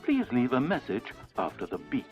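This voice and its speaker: A woman voicing an automated voicemail greeting heard over a phone line, measured and formal. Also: a bass voice, wildly swooping pitch, soft background music, heavily acted. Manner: measured, formal recorded announcement. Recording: dull lo-fi phone audio from afar.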